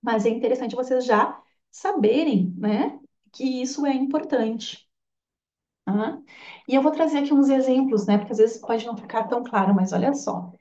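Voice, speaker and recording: A woman teaching a Bach flower therapy course gives an informal lecture, chatty and full of tag questions and quoted voices. Her voice is a little high, mellow, and moderately paced, picked up by a distant lo-fi mic in an echoey room.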